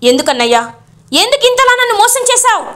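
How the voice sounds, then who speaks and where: A woman's voice: extremely high pitch, sing-song, quick pace, bright, forceful tone, pitched above the performer's own voice, exaggerated voice. Woman voicing an anguished young man. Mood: demanding. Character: wounded young man confronting his brother.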